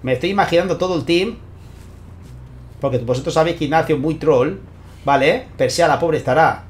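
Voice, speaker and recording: A man with a Spain Spanish accent, hosting his channel and commentating a tournament match, excitable and constantly checking in with his viewers. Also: a little high, a little fast, noisy background. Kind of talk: gameplay commentary.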